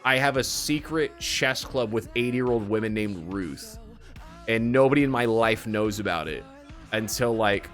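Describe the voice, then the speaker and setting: Streamer, late twenties, lively up-and-down voice, rambling self-mocking banter, faint music under it. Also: male voice, lowish voice, moderate pace. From United States. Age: late 20s. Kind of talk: casual chat while gaming.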